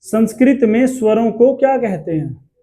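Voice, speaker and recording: A man's voice: extremely high pitch, expressive, moderate pace, warm tone. A man teaching a class, asking questions and repeating the answers himself. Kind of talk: classroom lesson.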